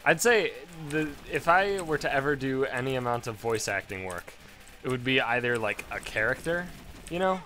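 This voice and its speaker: A man's voice: medium pitch, lively intonation, normal speed, sharp tone, faint music behind. A man doing casual, crude gameplay commentary, rambling between topics, his voice strained and failing.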